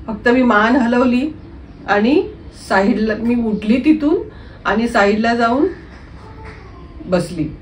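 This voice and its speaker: A woman telling her own true ghost story in an unscripted, conversational way, often clearing her throat and using fillers. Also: a little high, far from the mic, slight background noise. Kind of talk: first-person true story narration.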